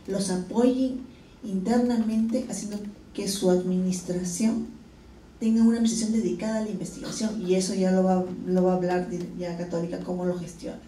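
A woman's voice: medium pitch, warm tone, slight background noise. A woman in her forties with a Peruvian accent, giving a conference presentation into a handheld mic with frequent fillers and restarts. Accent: Peruvian Spanish. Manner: explanatory, many fillers and restarts. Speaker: conference speaker from a research funding agency. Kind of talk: presentation talk. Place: conference hall. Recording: echoey hall, from far off.

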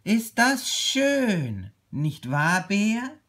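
A man voicing a small, excitable young male tiger in a read-aloud children's story, speaking in a high, eager voice. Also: a little slow, full character voice. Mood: amazed.

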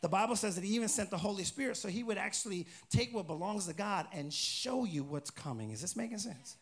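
A male pastor with a high, gravelly voice preaches in a church. He reads scripture aloud in loud rising bursts and keeps prompting his congregation to answer. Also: animated, a little fast. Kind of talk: call-and-response sermon.

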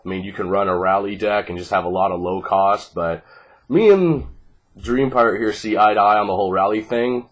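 Groggy and stuffed up from a cold, a man in his 20s gives a laid-back, sweary profile of his card deck from a small living room at home. His lowish voice is brisk, and the sound is lo-fi, captured on a noisy home webcam with clicks.

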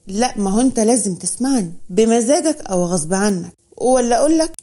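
A woman's voice: on the high side, lively intonation, fast talker, dark tone. A woman voicing a scheming, haughty woman, cold and threatening in a storybook drama.

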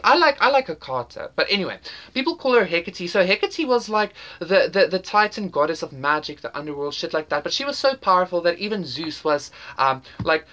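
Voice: medium pitch, a bit bright. A tarot reader giving a casual pick-a-card reading, who talks straight to the viewer and rambles with repeated words and frequent "okay?" check-ins. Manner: enthusiastic, intuitive, talks directly to the viewer.

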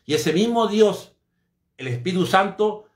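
A man's voice: sits high, animated, measured pace, reverberant. A man preaching a sermon fervently and emphatically, repeating phrases for effect.

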